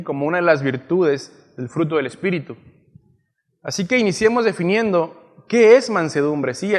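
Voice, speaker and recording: A male preacher teaching a sermon, often pausing to ask his listeners "yes?" as he checks they follow. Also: fairly high pitch. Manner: teaching, asks frequent "¿sí?" checks. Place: church hall. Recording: long church hall reverb.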